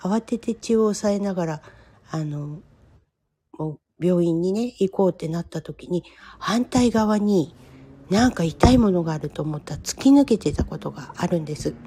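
A woman in her fifties hosting a solo podcast, talking about her own life in a gentle, confiding, reflective way. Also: on the low side, lively intonation, normal speed, breathy edge. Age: 50s. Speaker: podcast host. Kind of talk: solo personal podcast talk.

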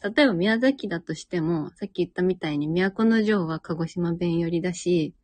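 A woman's voice: on the low side, moderate pace, darkish tone, no echo. A woman in her twenties with a Miyazaki dialect, co-hosting a casual chat podcast, talking freely and laughing often. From Miyazaki, Japan. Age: 20s. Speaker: podcast co-host.

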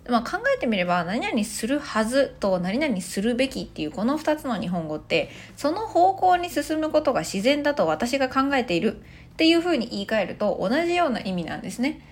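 Lively, high-voiced woman teaching chattily. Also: a little fast. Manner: chatty, many soft fillers, laughs lightly. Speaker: English teacher and podcaster. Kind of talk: casual spoken language lesson.

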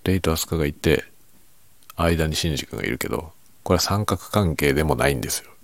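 A man chatting casually and quietly by himself late at night, musing and giving his opinions in a low-key way with softened sentence endings. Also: fast talker, dry recording. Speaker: writer chatting as host.

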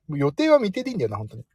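A man's voice: fairly high pitch, wildly swooping pitch, very fast, darkish tone, breathy edge, no room sound. A man hosting a casual live stream from his parked car, chatting in a self-deprecating way and reading out listener comments. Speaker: livestream host.

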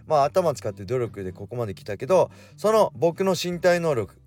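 A man in his forties hosting a casual solo radio talk, drifting faster as he goes and correcting himself mid-phrase. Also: fairly high pitch, sing-song, a little mellow. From Japan. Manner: speeds up as he talks, with self-corrections. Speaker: radio show host.

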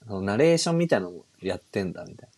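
Man, around 30, casual podcast co-host, rambling storyteller, low pitch, lively intonation. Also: very fast, no room sound. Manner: rambling storyteller, many fillers and trailing quotes. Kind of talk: casual chat.

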